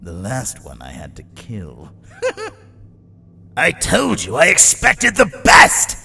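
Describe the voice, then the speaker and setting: A man's voice: medium pitch, wildly swooping pitch, slow, vocal fry, pushed and bright, husky, full character voice. A man voicing a maniacal, gleefully cruel clown supervillain in a motion comic, theatrical and cackling, swinging between shrieks and murmurs. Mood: sinister.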